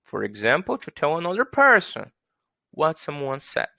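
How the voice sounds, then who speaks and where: A man with a slightly high, gravelly voice teaches English grammar, swinging his pitch up and down as he acts out small scenes. The sound is close and dry, with no room echo. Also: measured pace. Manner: lively, playful, acts out little scenes with example sentences. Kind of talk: explaining grammar to students.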